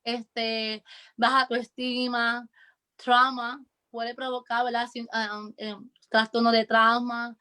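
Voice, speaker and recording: A woman's voice: a little high, flat delivery, slow pace, bright, forceful tone, clear, resonant tone. A woman co-hosting a church talk show, hesitant and searching for words with many fillers. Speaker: co-host.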